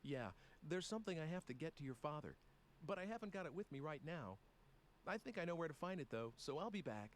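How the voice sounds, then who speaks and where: High-voiced, lively game hero. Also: male voice, brisk, slight background noise. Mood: earnest. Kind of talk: video game voice acting.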